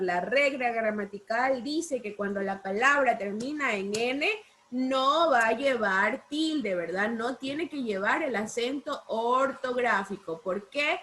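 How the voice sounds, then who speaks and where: A woman's voice: high voice, pushed and bright, slight background noise. A woman teaching a primary school class online by video call, patiently repeating points and checking understanding with questions.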